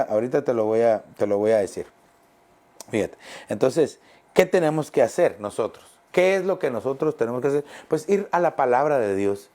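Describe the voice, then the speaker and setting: A middle-aged male pastor delivers an emphatic sermon, repeating phrases and slowing down on key words. His voice sits in the mid-range with a darkish tone.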